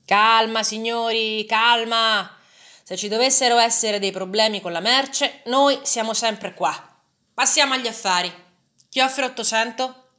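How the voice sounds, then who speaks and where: A woman voicing a corpulent male slave auctioneer who pushes his sale loudly and commandingly. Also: unhurried. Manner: loud, commanding sales pitch.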